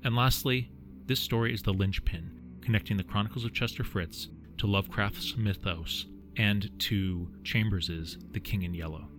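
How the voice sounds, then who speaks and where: A man narrating his own story in a steady, measured reading. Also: fairly low pitch, music in the background, low-quality recording. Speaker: author and narrator.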